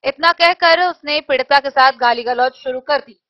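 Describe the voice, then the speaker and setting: A woman reading a local news report in a formal, even voice-over. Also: sits high, normal speed, lo-fi sound. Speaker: news reader.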